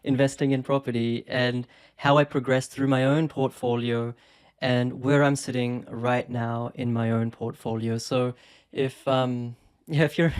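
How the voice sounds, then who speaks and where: Brief: thirties male vlogger, New Zealand-Australian accent, clear resonant voice, chatty and upbeat, talking to a phone camera. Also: medium pitch, a little mellow. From born in India, raised in New Zealand and Australia. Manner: chatty, upbeat, with small laughs and frequent ums. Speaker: property investment YouTuber. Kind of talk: casual talk to camera.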